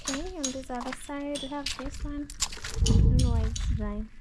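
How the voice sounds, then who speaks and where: Woman strolling her garden chatting about plants, kinda high voice, outdoor noise and birds behind. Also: steady tone, normal speed. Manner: chatty, musing aloud, admiring. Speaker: vlogger. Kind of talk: casual garden walkthrough.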